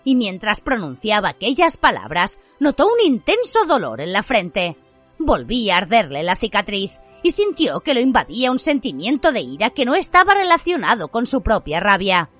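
A woman narrating an audiobook in an expressive, dramatic reading. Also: medium pitch, normal speed, faint music behind.

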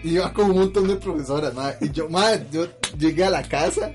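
A man with a Costa Rican accent telling a story in casual chat, lively and full of slang fillers, often laughing. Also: fairly high pitch, brisk, soft background music. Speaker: podcast host telling a story.

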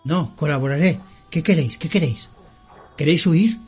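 Man voicing a panicked male prisoner, pleading, desperate, higher-pitched voice. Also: normal speed, darkish tone, husky, faint music behind. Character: frightened male captive begging for his life.

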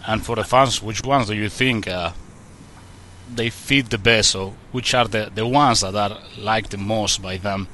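A man from the Basque Country with a Basque accent, conducting a casual interview in a halting, informal way, searching for words. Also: lowish voice, bright, forceful tone, a little hiss or hum. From Basque Country, Spain.

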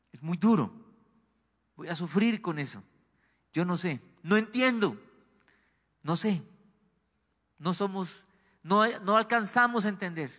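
A man preaching a sermon as pastor, asking the congregation lively rhetorical questions. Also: on the high side, in a large hall.

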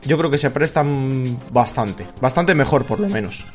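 Lively, joking male podcast host. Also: medium pitch, unhurried, faint music behind. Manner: joking, self-deprecating banter. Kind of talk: casual chat.

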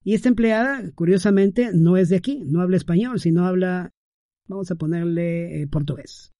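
A man's voice: sits high, moderate pace, mellow, no echo, studio quality. A middle-aged man hosting a podcast, talking in a casual, conversational monologue with frequent fillers and tag questions. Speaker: podcast host.

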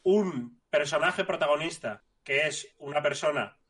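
Guy with a slightly high voice, loose rambling podcast host. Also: measured pace, fairly bright tone, husky. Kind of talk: casual chat, introducing the episode.

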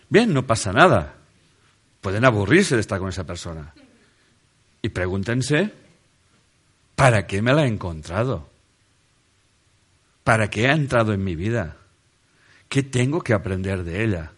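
A man's voice: fairly low pitch, big pitch swings, measured pace, pauses often, husky. A man giving a humorous motivational talk on a stage, joking with the audience, questioning them directly and laughing often. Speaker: motivational speaker. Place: stage under a spotlight before a seated audience.

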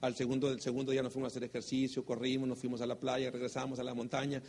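A man giving a motivational talk, telling stories and asking rhetorical questions, sometimes loud and sometimes hushed. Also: mid-range voice, completely flat delivery, very fast. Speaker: motivational speaker. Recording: long hall reverb.

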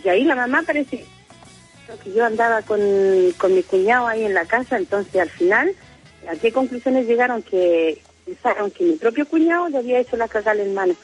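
A woman's voice: on the high side, lively intonation, a little fast, slightly rough, faint music behind, low-quality recording. A middle-aged Chilean woman calling in to a radio show, telling a story in an emotional, rambling way. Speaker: caller. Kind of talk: phone-in confession.

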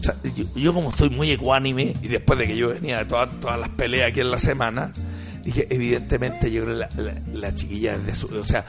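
A man with a Chilean accent telling a story in animated, slangy casual chat. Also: mid-range voice, brisk, creaky. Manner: animated, slangy, full of restarts. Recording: music playing behind.

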